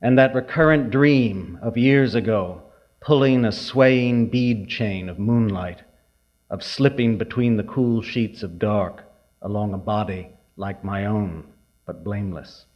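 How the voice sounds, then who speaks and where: On dull, lo-fi archival tape, a male poet with a voice on the low side reads to an audience in a reading hall. He takes his time, pausing and adding hesitant remarks between poems.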